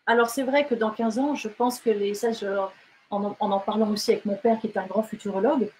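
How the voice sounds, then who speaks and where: A woman's voice: medium pitch, fairly even intonation, brisk, a little mellow, slight background noise, rough recording. A woman novelist talking casually in an interview, hesitant, with many fillers and restarts. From France and Britain. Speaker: novelist guest.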